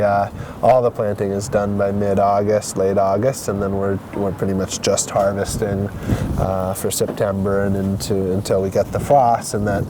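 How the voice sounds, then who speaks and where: A man who runs a vegetable farm, explaining his growing season in a halting way with many fillers. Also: on the low side. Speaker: vegetable farmer. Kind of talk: outdoor interview. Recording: noisy outdoor sound.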